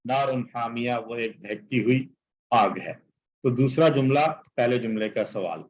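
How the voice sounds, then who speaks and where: A man's voice: mid-range voice, a little mellow, muffled recording, a little hiss or hum. A male teacher giving an explanatory lecture, reciting Arabic verses and translating them, with many filler phrases.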